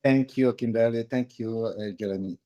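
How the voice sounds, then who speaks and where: A man from Cameroon talks as a podcast guest, answering without a script. He speaks haltingly, pausing, repeating words and correcting himself as he goes. His pitch sits at an ordinary middle level for a man. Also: warm tone, dull audio. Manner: halting, searching for words, many self-corrections. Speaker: interview guest, cycling club founder. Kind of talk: unscripted interview answers.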